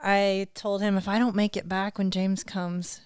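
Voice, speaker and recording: A woman's voice: medium pitch, little pitch movement, measured pace, clear, resonant tone, no echo, clean studio sound. A woman, a guest on an interview show, adding short remarks to her husband's story. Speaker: guest, runner's wife.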